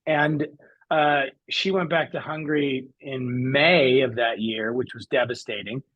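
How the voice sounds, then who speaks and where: A man's voice: mid-range voice, steady tone, a little slow, muffled recording. A man as an interview guest, telling his own story in an earnest, reflective way. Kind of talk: conversational interview.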